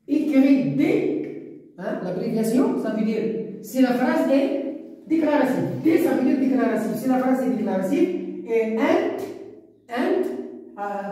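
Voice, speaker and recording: A woman's voice: on the high side, warm tone. Echoey, distant woman teaching grammar. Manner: repeats each example sentence slowly, then names its type; explains patiently with small asides and self-corrections. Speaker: primary school teacher. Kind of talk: recorded grammar lesson. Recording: very echoey room, voice far from the mic.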